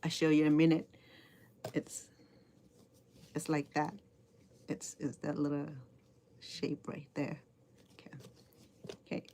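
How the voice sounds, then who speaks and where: Middle-aged Cambodian-accented woman, slow and low-voiced, casual crochet tutor who chats with her viewers. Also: completely flat delivery, dark tone. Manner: hesitant, repeats words, chats directly with viewers. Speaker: crochet instructor. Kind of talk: casual live-stream chat while crocheting.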